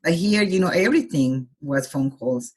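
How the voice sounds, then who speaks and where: A Colombian-born woman in her forties, a guest with a husky voice, talking reflectively in a casual interview and laughing easily. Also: low-pitched, expressive, moderate pace.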